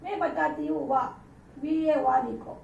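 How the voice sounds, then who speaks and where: High-voiced woman teacher, slow and patient, repeats every letter, a bit gravelly, dull far-off room sound. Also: steady tone, a little mellow, slight background noise. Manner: patient, repeats each letter with example words. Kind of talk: dictation-style Hindi alphabet lesson. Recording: roomy, distant, dull lo-fi sound.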